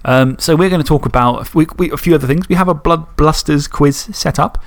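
A man's voice: a little high, brisk. Rambling man hosting a podcast. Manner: rambling, self-mocking, laughs often. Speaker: podcast co-host. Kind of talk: casual chat.

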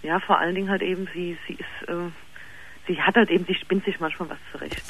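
A woman's voice: lowish voice, fairly even intonation, a little hiss or hum, low-quality recording. Hesitant young woman caller. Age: 20s. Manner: hesitant, halting, with many fillers and restarts. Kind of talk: radio call-in conversation. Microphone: telephone.

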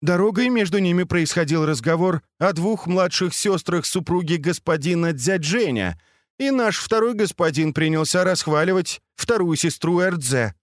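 A man's voice: sits high, animated, normal speed, no echo, clean studio sound, pitched above the performer's own voice. A man reading aloud, voicing a terrified male servant who pleads and explains timidly. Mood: nervous.

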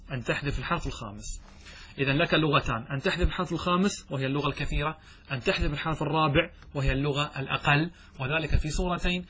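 A man's voice: a little high, a bit bright, husky. A man giving a classroom lecture on Arabic grammar, explaining step by step and asking his students questions.

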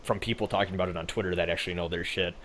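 Young male podcast co-host, deep voice, loose rambling delivery, slight background hiss. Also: steady tone, rapid-fire, fairly bright tone. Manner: laid-back, rambling, swears often, frequent fillers. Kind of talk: casual gaming podcast chat.

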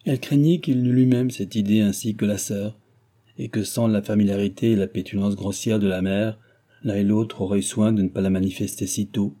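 A man reading a classic novel aloud as an audiobook narrator, in a measured, even storytelling manner. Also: on the low side. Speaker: audiobook reader.

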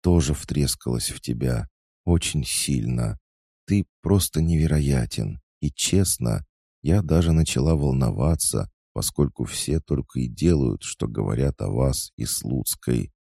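A man's voice: very deep voice, measured pace, creaky, a little mellow, husky, no echo, studio quality, exaggerated voice. A man voicing a sweet young woman in love, talking in a pleading way.

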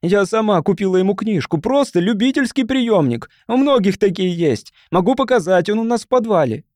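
A man's voice: sits high, animated, a little mellow, dry recording, studio quality, voice pushed up. A man voicing an anxious, pleading wife. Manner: hurried, pleading.

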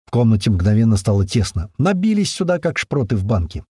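Husky male audiobook narrator. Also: lowish voice, big pitch swings, a little fast, dark tone, no room sound, studio quality. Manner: colloquial first-person storytelling.

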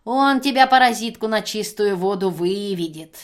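A woman reader voicing a brazen drunk vagrant woman who shouts shrilly and wails. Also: medium pitch, moderate pace, natural voice. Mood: shrill demanding.

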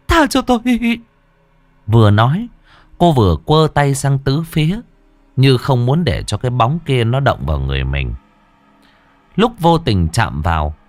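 Male storyteller, very animated pitch, dry close recording with soft music. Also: dry recording. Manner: lively, dramatic delivery. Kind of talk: ghost story narration.

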